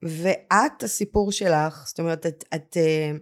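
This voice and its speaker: A woman who coaches personal storytelling, talking as a podcast guest in an intense, heartfelt way and slowing down to stress her points. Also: sits low. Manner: emphatic, slows down to stress words. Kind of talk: emotional podcast conversation.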